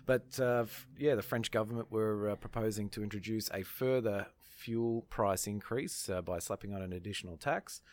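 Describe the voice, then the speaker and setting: An Australian man in an informal radio discussion of current affairs, speaking in a halting, hesitant way. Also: fairly low pitch, a little mellow. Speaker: radio panellist.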